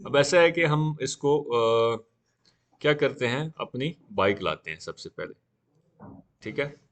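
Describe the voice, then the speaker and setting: A man teaching a live beginner class on 3D software, talking casually and often saying "okay" while he works. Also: medium pitch, animated, a little slow. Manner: casual, repeats "theek hai" often. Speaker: 3D software instructor.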